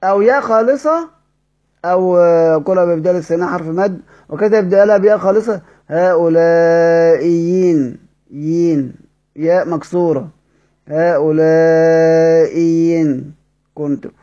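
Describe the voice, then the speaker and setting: A man's voice: high-pitched, lively intonation, darkish tone, muffled recording. Egyptian man teaching recitation rules. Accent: Egyptian Arabic. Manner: explains with questions to the class, demonstrates recitations slowly. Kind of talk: lesson explaining a text.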